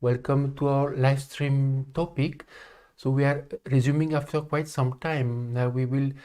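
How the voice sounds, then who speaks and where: A man from France with a mid-range voice hosts a live stream, giving a spiritual talk to viewers. He speaks calmly but haltingly, pausing often.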